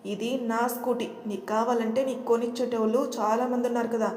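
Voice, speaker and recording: A woman's voice: fairly high pitch, little pitch movement, brisk, a little mellow, close to an everyday voice. A woman voicing a feisty young sister who argues back angrily. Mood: angry. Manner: angry, combative. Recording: echoey room.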